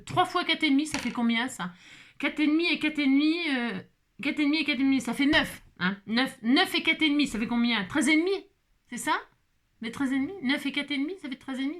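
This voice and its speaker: A woman's voice: sits high, fairly bright tone. A woman casually narrating a papercraft tutorial, playful and teasing as she chats straight to her viewers. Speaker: papercraft vlogger.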